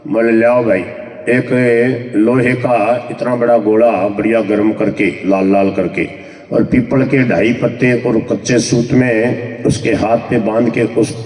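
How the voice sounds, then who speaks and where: A man's voice: mid-range voice, mellow, far from the mic. A man telling a parable in a satsang sermon, acting out the story's people as he quotes them. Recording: echoey hall, picked up from afar.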